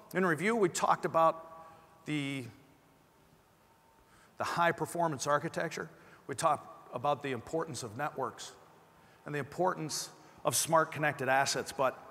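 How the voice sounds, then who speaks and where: A man's voice: a little high, fairly bright tone. Middle aged guy doing a conference keynote, bit of a lisp, long echo from the hall. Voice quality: slight lisp. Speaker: company presenter. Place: large conference stage indoors. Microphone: clip-on lapel mic. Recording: amplified hall with long reverb.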